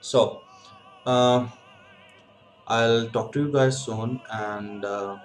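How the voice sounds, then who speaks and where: A man with an Indian accent chatting casually as a vlog host, in a halting, hesitant way with pauses and repeats. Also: medium pitch, steady tone, faint music behind. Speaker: video host, pipe and cigar hobbyist.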